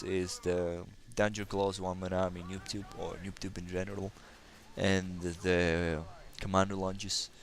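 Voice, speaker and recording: A gaming channel host from Kazakhstan, a man whose native language is Russian, talks in a low voice with a slight Russian accent. His gameplay commentary wanders and hesitates, packed with fillers, and a faint hiss or hum sits under the audio.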